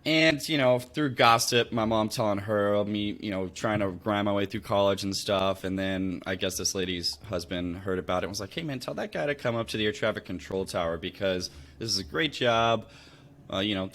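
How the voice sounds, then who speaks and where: Here a podcast guest from Louisville, Kentucky, an American real estate investor, talks a little fast in a lowish, somewhat bright voice. His delivery is casual and conversational, like he's telling a story.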